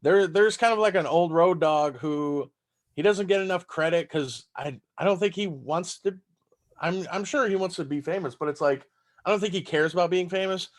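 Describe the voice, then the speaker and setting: This high-voiced man talks at a moderate pace. He's in his thirties, from Texas, German is his first language, and he appears as a comedian on a podcast, rambling loosely and swearing without restraint.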